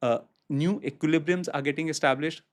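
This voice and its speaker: A man's voice: a little high, steady tone, a little fast. Indian guy on a podcast explaining stuff as the property expert, stop-start, repeats himself for emphasis. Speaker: real estate expert guest. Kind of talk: podcast interview answers.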